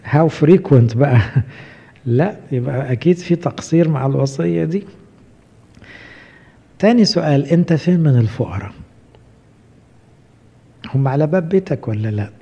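A man's voice: fairly high pitch, expressive, moderate pace, vocal fry, pauses often, mellow, husky. A man with an Egyptian Arabic accent, a priest giving a conversational sermon and often asking his listeners questions. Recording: muffled hall recording with long reverb.

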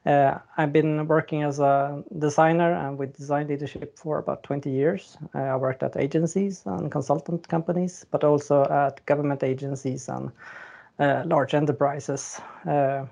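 Flat, gravelly man on a dull line. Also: on the high side, moderate pace. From Sweden. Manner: hesitant, many fillers. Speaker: leadership coach. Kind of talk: casual podcast chat. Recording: dull lo-fi remote audio.

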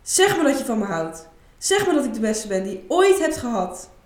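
A woman's voice: fairly high pitch, sing-song, moderate pace, pitched above the performer's own voice. Woman voicing insistent late-forties man, murmuring, reverberant room. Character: tender but demanding man in his late forties.

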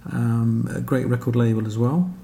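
A man's voice: mid-range voice, level tone, moderate pace, gravelly, mellow, a little hiss or hum. A man hosting a radio music show, chatting casually between records, chuckling and stumbling over names.

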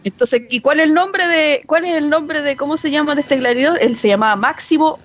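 A woman's voice: sits high, a little fast. A woman co-hosting a podcast who chats casually about film and history, telling stories with animation and laughter. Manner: animated, laughing storyteller with many restarts. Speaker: podcast co-host.

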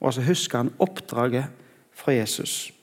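A middle-aged man preaching a sermon in a conversational way, often pausing to search for words. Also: medium pitch. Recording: long hall reverb.

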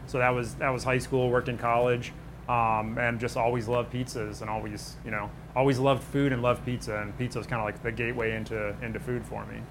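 A man from the Buffalo area of New York, a restaurant owner, chatting casually and informally in an interview. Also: mid-range voice. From Buffalo area, New York, United States. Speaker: pizza restaurant owner and bartender. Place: on location at his restaurant. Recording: noisy location with background ambience.

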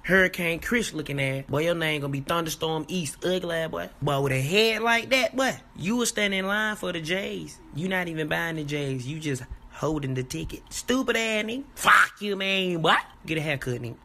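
A man's voice: on the high side, normal speed, hardly any pauses, sharp tone. A man trading roast insults in a mocking, trash-talking way.

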